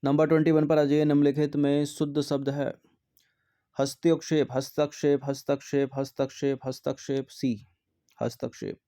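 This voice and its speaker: Speaking with a warm, mellow, fairly high voice at a normal pace, a man goes through grammar exam questions one by one. He reads every option out loud, then checks each carefully and fixes the incorrect ones in a steady, teacherly manner.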